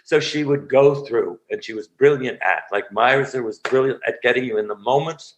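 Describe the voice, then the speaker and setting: An older man, an acting coach, tells stories in a lively way during an interview, slipping into the voices of the people he remembers. His voice sits at a middle pitch for a man. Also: normal speed, low-quality recording. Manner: animated storyteller who acts out the people he describes. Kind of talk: storytelling interview.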